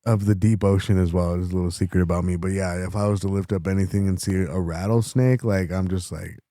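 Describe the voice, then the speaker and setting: A man's voice: sits low, fairly even intonation, quick pace, warm tone, no echo, clean studio sound. A man hosting a casual podcast, rambling and swearing in a laid-back way. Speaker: podcast host. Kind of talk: casual chat.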